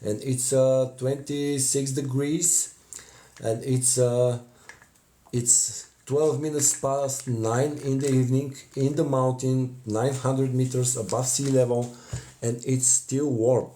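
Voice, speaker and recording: A man's voice: medium pitch, little pitch movement, slight background noise. Bulgarian man chatting on a craft live stream. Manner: chatty, warm thanks to viewers, frequent "uh" pauses. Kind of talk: casual live-stream chat while crafting. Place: cluttered home craft table, indoors. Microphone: phone camera close in front.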